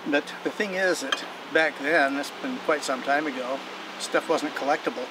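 A man's voice: fairly high pitch, normal speed. An older man casually showing off old equipment outdoors in a backyard, talking in a folksy, rambling way that often restarts its sentences. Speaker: vintage equipment collector and channel host. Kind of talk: casual show-and-tell talk. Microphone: camera mic from several feet away. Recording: distant outdoor camera audio with steady background hum.

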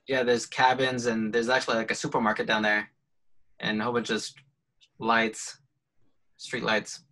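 A man's voice: medium pitch, flat delivery, moderate pace, pushed and bright, poor audio. A man talking about his photography on a video call, hesitant and easygoing, with lots of ums and restarts. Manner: hesitant, full of fillers and restarts, laughs lightly. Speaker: photographer guest. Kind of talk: casual video call chat.

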